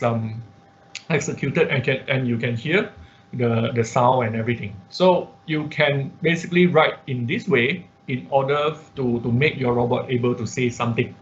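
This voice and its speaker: Here an online instructor with a mid-range male voice and a slight hiss or hum gives an informal, step-by-step screen-share lesson. Short check-ins like "okay" and "right" come up frequently. The recording has the flat, lo-fi sound of an online class.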